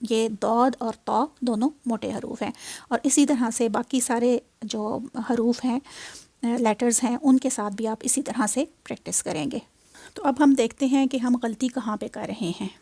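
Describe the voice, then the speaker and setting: A woman teaching Quran recitation in a slow spoken lesson, patiently sounding out syllables and mixing in English words. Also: on the high side, fairly even intonation, dark tone, dry recording.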